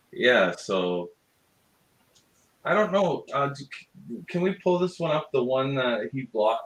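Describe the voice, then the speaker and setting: Brief: rambling, foul-mouthed male host, lowish voice, echoey room. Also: a bit bright. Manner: rambling, profane, laughs often. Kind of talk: casual chat.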